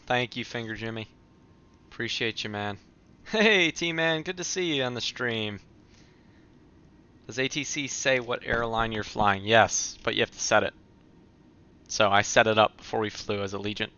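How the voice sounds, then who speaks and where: A male streamer with a low, gravelly voice that still has a bright, forward edge. He chats in a relaxed, easygoing way with his viewers. The audio is dull and lo-fi, like a typical home stream mic. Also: normal speed, long pauses. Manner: relaxed, chatty, answers viewer comments. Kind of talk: casual live-stream chat.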